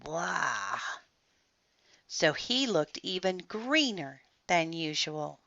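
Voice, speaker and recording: Slow, lively bedtime storyteller woman. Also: fairly low pitch, no room sound. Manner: slow, expressive reading. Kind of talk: bedtime story read-aloud. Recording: slightly muffled dry recording.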